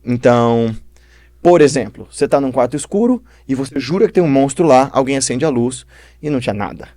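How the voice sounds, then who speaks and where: A man with a Brazilian accent, a philosopher and podcast guest who explains ideas with the lively manner of an animated storyteller. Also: medium pitch, a little fast.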